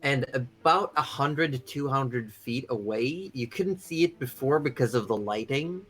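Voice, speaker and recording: A man's voice: medium pitch, animated, a little slow, fairly bright tone, faint music behind. A man narrating a tabletop game as game master, improvising and often repeating phrases as he goes.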